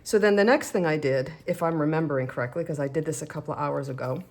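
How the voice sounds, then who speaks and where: A woman talks through a stamping demonstration in a relaxed, chatty way. Her voice sits a little low, and she pokes fun at herself as she goes. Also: fast talker. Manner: chatty, self-deprecating, talks while working. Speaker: craft demonstrator. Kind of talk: casual craft tutorial.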